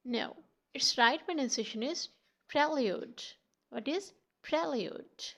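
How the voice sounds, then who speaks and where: A woman with a mother tongue, teaching a spoken English lesson through slow, deliberate pronunciation drills. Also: fairly high pitch, gravelly, fairly bright tone. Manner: slow, deliberate quiz-style word drills.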